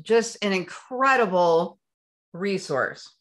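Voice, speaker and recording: A woman teaching SEO in a screen-share tutorial, talking enthusiastically and running short of breath from excitement. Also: medium pitch, slow pace. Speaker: SEO instructor.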